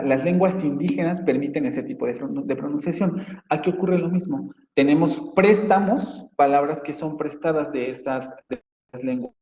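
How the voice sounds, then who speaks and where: A man's voice: a little high, warm tone. Man, university professor, conversational lecture, dull lo-fi sound, echoey hall. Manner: conversational, thinking aloud with many "eh" fillers and restarts. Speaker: phonetics professor. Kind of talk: university lecture, explaining with examples. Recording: dull, roomy, reverberant lo-fi audio.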